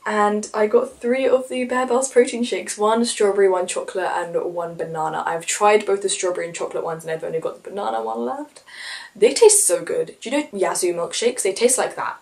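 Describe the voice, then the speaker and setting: A teenage girl chatting excitedly through a casual haul vlog, gushing over her presents. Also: medium pitch. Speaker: vlogger.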